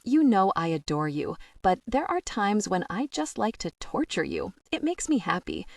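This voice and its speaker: A woman voicing a playful, teasing young man who loves a dare, in a quick, teasing voice. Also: medium pitch, wildly swooping pitch, creaky, a little mellow, no echo, clean studio sound, distant mic, full character voice. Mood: fond.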